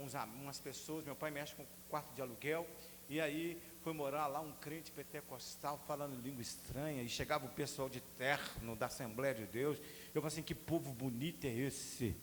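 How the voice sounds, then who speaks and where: A man's voice: a little high, fairly bright tone. A man of around fifty with a Brazilian Portuguese accent, a pastor preaching an earnest, testimony-style sermon in a church. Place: church sanctuary. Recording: echoey church hall with faint hum.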